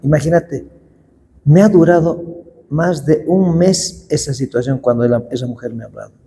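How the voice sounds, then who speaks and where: Male pastor, warm low-bright tone, unhurried sermon reading, long reverb of a church hall. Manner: slow, deliberate scripture reading.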